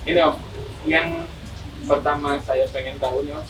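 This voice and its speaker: A man's voice: fairly high pitch, wildly swooping pitch, measured pace, over music. A man hosting a casual podcast interview, speaking slightly muffled through a face mask. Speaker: podcast host. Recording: distant mic, clearly noisy room.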